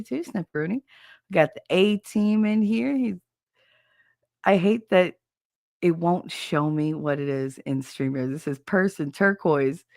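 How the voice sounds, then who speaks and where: Nasal and gravelly from a cold, a New Jersey livestream host talks at medium pitch in a rambling, chatty, self-deprecating way, saying hello to people in chat. The audio is studio quality with no room sound.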